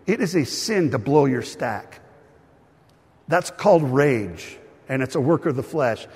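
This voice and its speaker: A male pastor preaching a sermon to a live congregation, animated and joking with the crowd. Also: medium pitch, a little slow, husky, big-room sound.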